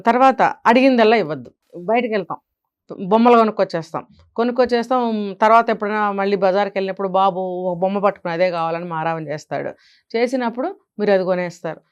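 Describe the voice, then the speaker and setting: Smooth-voiced woman giving emphatic advice. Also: mid-range voice. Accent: Telugu. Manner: emphatic, rhetorical questions. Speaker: parenting guest speaker. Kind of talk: advice interview.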